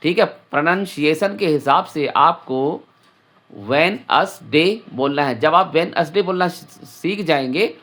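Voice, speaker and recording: A male teacher leads a children's English lesson in an unhurried, patient way. He spells each word out letter by letter, then repeats it, and speaks directly to the children. His voice sits a little high, and his pace stays slow throughout. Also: a bit bright.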